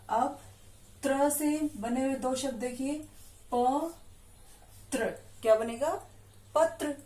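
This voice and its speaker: A woman's voice: a little high, darkish tone, roomy sound. A woman teaching a primary school lesson, patiently drawing out syllables and asking the children questions. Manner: patient, stretches out syllables and quizzes the listener. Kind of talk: classroom lesson.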